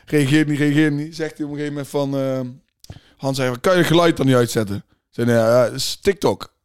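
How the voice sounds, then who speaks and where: A man's voice: mid-range voice, fairly even intonation, fast, smooth. Rambling male podcast storyteller. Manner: rambling storyteller, frequent restarts and fillers. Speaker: podcast co-host. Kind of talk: casual podcast chat.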